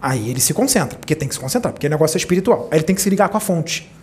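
A man giving an informal spiritual talk. He retells film scenes in an animated way and keeps checking in with his listeners. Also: fairly high pitch, racing. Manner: animated storyteller, acts out quoted characters; conversational, checks in with listeners often. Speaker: spiritual speaker.

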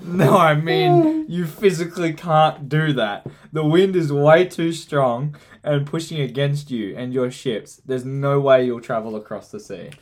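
A man with a fairly high voice narrates a comedic history story as host. He is playful and teasing, and stumbles over words now and then. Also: animated, unhurried.

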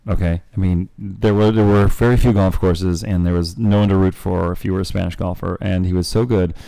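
A man's voice: deep voice, steady tone, brisk, creaky, mellow, no room sound, rough recording. A man co-hosting a casual chat, a teasing, chatty storyteller. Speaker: podcast co-host and golf dad.

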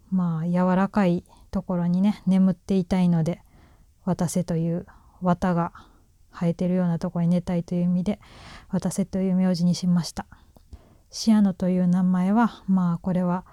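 A woman's voice: medium pitch, warm tone, clean tone, no room sound, clean studio sound. A woman with a Kansai accent hosting a solo radio talk, shy and nervous and making self-deprecating jokes into a microphone. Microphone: talking alone into a microphone.

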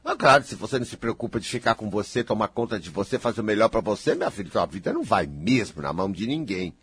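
A man with a Brazilian Portuguese accent giving an animated spoken monologue, emphatic and teasing as he scolds and coaxes his listener directly. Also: fairly low pitch, fast talker, husky, dry recording.

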